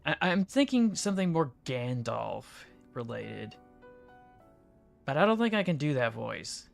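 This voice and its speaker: A woman's voice: a bass voice, big pitch swings, a little slow, creaky. A woman casually chatting while she streams a video game, playful and a bit silly. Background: faint background game music.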